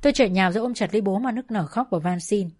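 A woman narrating a first-person family story in a soft, emotional way. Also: mid-range voice, fast talker.

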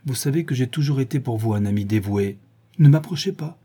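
A middle-aged painter pleads with a wayward friend, his words grave and reproachful, as a man reads him aloud. The voice is dark and mellow, with a husky edge. It sounds like a storybook read aloud. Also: mid-range voice, expressive, fairly quick. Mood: shocked.

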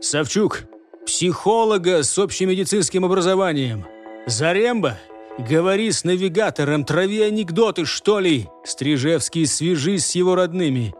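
A man voicing a gruff, commanding, burly male coordinator of a space base. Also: sits high, lively intonation, normal speed, faint music behind.

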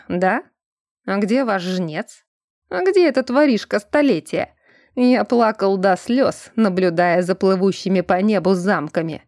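A woman's voice: mid-range voice, a little mellow, dry recording, clean studio sound. A woman voicing a sly, sarcastic male fox deity who drawls and grumbles mockingly in an audiobook. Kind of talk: audiobook character voice.

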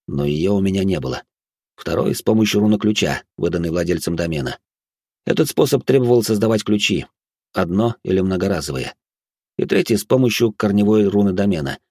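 A man reading an audiobook in the first person, steady and even. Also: lowish voice, slightly rough, no room sound, studio quality. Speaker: audiobook narrator.

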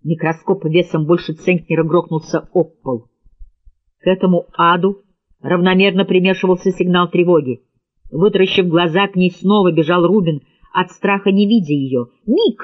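Man, audiobook narrator, dramatic tense reading, higher-pitched, muffled lo-fi. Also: steady tone, normal speed. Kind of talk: scripted narration.

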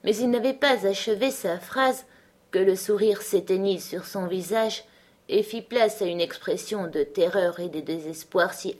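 A woman narrating an audiobook in a steady, clear reading manner. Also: on the low side. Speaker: audiobook reader. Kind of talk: scripted narration.

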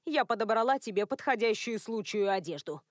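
A woman voicing a prim, controlling elderly woman who is a werewolf grandmother, lecturing in a cold, even tone. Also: on the high side, brisk, dry recording, studio quality, natural voice. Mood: stern.

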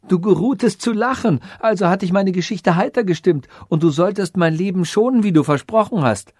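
A man voicing a frightened old male sage who begs a cruel king for his life, high and pleading, in an audiobook reading. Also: wildly swooping pitch, measured pace, a little mellow, no room sound, clean studio sound, full character voice. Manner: high-pitched, pleading, rising in alarm.

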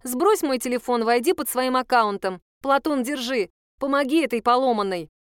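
A woman's voice: sits high, animated, moderate pace, smooth, dry recording, clean studio sound, pitched above the performer's own voice. A woman voicing a brash, foul-mouthed young woman who is sarcastic and bossy. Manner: crude, mocking, bossy.

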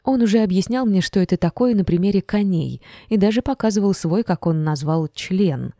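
A woman reading a first-person story as an audiobook narrator, in an expressive storytelling manner. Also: medium pitch, fairly quick, no room sound, studio quality.

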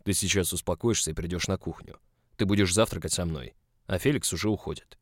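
A man's voice: low-pitched, fairly even intonation, fairly quick, no echo, clean studio sound, lightly acted. A man reading aloud as a domineering, jealous boss, with stern, clipped, growled lines.

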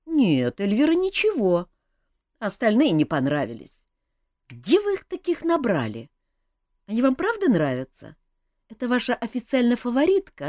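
A woman reading an audiobook, voicing a blunt, lively young woman with an outspoken, eager way of talking. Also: on the high side, no room sound, clean studio sound, voice pushed up. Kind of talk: audiobook character voice.

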